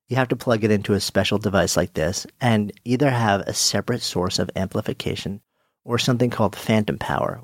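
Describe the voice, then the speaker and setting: Explaining his podcast equipment, a man with a low, gravelly voice keeps things casual, friendly and self-deprecating while he demonstrates. He uses a studio dynamic mic on a swing arm before moving to a headset mic, and the close-miked audio is dry with no room sound.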